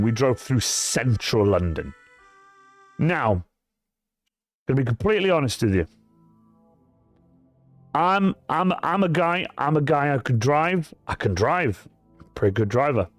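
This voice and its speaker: A man from the countryside, chatting on a livestream and telling a story in a rant full of swearing. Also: mid-range voice. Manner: animated, swearing storyteller ranting to chat. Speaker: cosplay livestreamer. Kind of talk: casual livestream chat.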